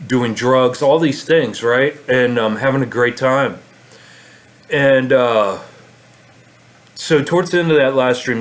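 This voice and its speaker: A man vlogging a casual storytelling monologue, rambling with many fillers and restarts. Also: mid-range voice.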